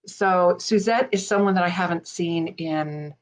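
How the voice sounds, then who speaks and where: A woman's voice: lowish voice, measured pace, a little hiss or hum. A woman hosting a casual live stream from her home desk, greeting viewers by name with lots of fillers. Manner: chatty, warm greetings, many fillers.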